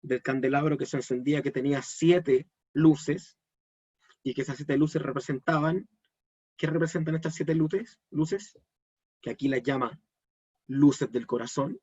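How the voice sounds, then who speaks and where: A man's voice: on the high side, measured pace, darkish tone, breathy edge, lo-fi sound. A man giving a live online Kabbalah lesson, explaining step by step and checking in with his audience. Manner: explanatory, asks the audience questions. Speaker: Kabbalah teacher.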